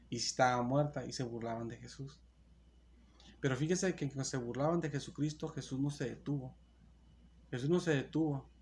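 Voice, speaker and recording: Male preacher, mid-pitched, earnest and repetitive, reads scripture then explains it; faint background hiss. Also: a little mellow. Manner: repetitive, earnest preaching with restarts and self-corrections. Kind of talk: sermon.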